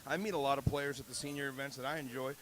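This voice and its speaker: A man's voice: mid-range voice, steady tone, rapid-fire, background noise. Man explaining at length in booth. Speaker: bat company representative. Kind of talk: casual broadcast booth chat.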